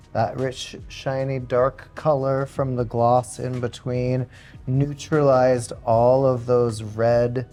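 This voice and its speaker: A man working as a hairstylist, calmly explaining each technique step by step as he goes. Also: medium pitch. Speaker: hairstylist and makeup artist. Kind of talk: step-by-step tutorial narration.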